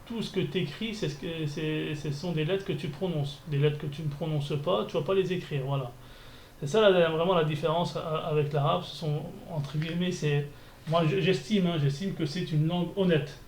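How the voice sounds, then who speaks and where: A man's voice: a little high, fairly even intonation, moderate pace, darkish tone, slight background noise. Man teaching in an echoey room. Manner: thinking aloud, many restarts and fillers. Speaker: Arabic teacher. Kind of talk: screencast lesson. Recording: echoey room, faint ambience.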